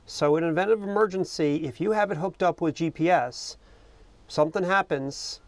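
A middle-aged American man hosts a boating vlog, recording outdoors on a small boat and explaining things casually and informally. His voice is fairly high-pitched, at normal speed, with no echo.

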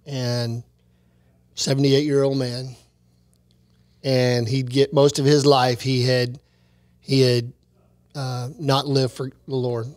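A man in his forties co-hosting a church podcast, talking in an earnest, encouraging way on a close boom mic in a small studio. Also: little pitch movement, slow pace, pauses often, darkish tone, no room sound. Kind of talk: casual chat. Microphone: boom mic close to mouth.

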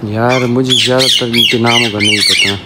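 A young man in his twenties talks casually to the camera of a phone held at arm's length, giving a walking tour outdoors. His pitch sits in an ordinary middle range, and he keeps tagging "na" onto his lines. Clear outdoor noise and birdsong fill the background. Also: flat delivery, normal speed. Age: 20s. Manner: chatty, keeps tagging "na" onto lines while showing viewers around. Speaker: vlogger. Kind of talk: casual home-tour vlog. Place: outdoors on a rooftop and a village yard.

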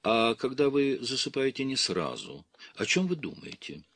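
A man reading an audiobook, voicing an older mother superior who asks hushed, insinuating questions. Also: medium pitch, big pitch swings, moderate pace, husky, no room sound, exaggerated voice. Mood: hushed probing.

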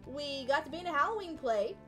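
Female streamer with a high voice, casual play-by-play, thinks aloud, soft game music underneath. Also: lively intonation, fast. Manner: chatty, thinking aloud, self-deprecating. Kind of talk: casual gameplay commentary.

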